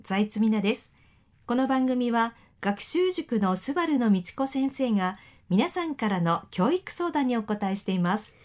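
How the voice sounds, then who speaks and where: A woman's voice: a little high, expressive, normal speed, a little mellow. A woman radio host leading a friendly talk segment and asking attentive questions.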